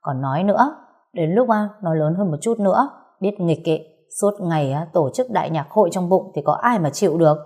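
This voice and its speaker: A woman's voice: on the low side, expressive, brisk, darkish tone. A woman voicing a playful young pregnant wife who teases and sulks with her husband in an audiobook story. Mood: teasing.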